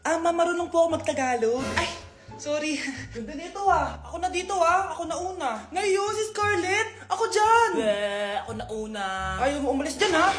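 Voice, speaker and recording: Brief: playful woman doing comedy skits, very high voice, with music playing under it. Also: normal speed, pauses often, reverberant. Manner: playful and animated. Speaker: comedy skit creator.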